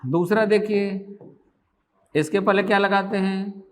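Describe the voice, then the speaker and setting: Quizzing high-voiced male tutor. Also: steady tone, takes it slowly. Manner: questioning, asks students constantly and answers himself. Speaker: teacher. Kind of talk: online exam-prep grammar lesson.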